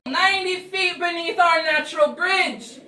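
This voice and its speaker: Leading a group through an underground cavern of hard rock, a woman guide talks at a moderate pace in a very high-pitched, bright voice with a steady, forceful tone. Strong cave echo fills the recording, which was made with a distant mic and carries faint noise.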